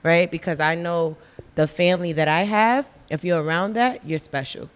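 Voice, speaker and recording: A woman co-hosting a casual podcast talk with a slightly low voice, laughing easily and circling back over her words. Her voice carries a long reverb tail from the room. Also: normal speed, clean tone. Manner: laughs often, talks in repeated restarts. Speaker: podcast co-host.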